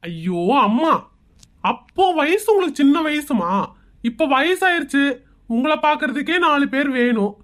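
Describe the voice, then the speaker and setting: Harried husband and son voiced by a woman, high-pitched, pleading, soothing, cartoon skit. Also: expressive, a little slow. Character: harried middle-aged husband and son, placating.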